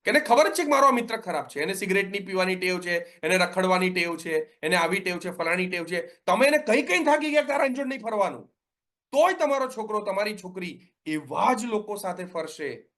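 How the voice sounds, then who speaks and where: A middle-aged man giving a parenting webinar talk, animated and acting out the lines of children and parents. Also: high voice, brisk. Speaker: parenting coach.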